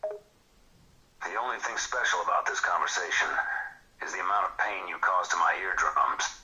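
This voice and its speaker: A grumpy, short-tempered mutant, voiced by a man who meets every joke with scorn. His voice sits very low yet cuts with a hard, sharp edge. He speaks in curt, irritable bursts. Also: normal speed, rough recording. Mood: irritated. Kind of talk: comic banter dialogue.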